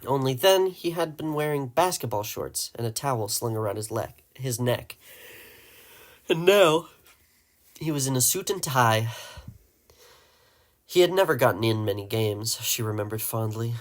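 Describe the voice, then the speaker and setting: A man narrating a story aloud in a steady, measured way. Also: mid-range voice. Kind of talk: audiobook reading.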